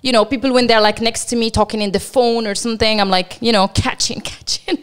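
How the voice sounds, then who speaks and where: A Moroccan journalist and TV presenter, a woman whose first language is Arabic, tells her story as a guest in a casual interview chat. She acts out quotes with a lot of life. Her voice is smooth, a little high, and a little fast.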